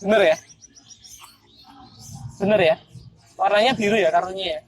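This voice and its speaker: A man's voice: high voice, steady tone, normal speed, soft background music. Young male street magician; playful, teasing banter, recorded outdoors in a park. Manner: playful, teasing, chatty with strangers. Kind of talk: casual street performance patter.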